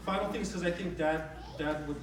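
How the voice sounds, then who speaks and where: A middle-aged man gives an informal eulogy, speaking in a halting, conversational way and often repeating his phrases. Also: a little high, a crowd in the background. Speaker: son giving a eulogy for his father. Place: large reverberant room at a memorial gathering. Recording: very echoey, distant microphone in room.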